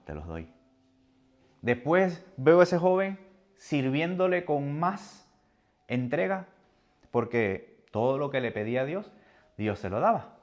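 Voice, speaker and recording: Animated man preaching a sermon. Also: medium pitch, lo-fi sound. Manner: animated, jumps between soft and loud. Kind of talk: sermon with personal testimony.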